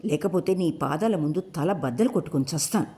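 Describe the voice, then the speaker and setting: A woman narrator voicing a proud, wounded young woman who lashes out with sharp, scornful outbursts in an audiobook. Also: sits low, lively intonation, brisk. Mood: indignant. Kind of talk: audiobook character voice.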